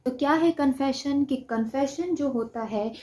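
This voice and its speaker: A woman with a Pakistani accent speaks unhurriedly in a high voice with a dark tone. She gives a didactic law lecture mixing Hindi-Urdu and English legal vocabulary, frequently posing and then answering her own questions.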